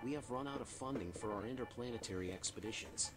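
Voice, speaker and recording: A male voice playing a calm scientist in an animated video, speaking in a flat, matter-of-fact way. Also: mid-range voice, brisk, music in the background, close to an everyday voice.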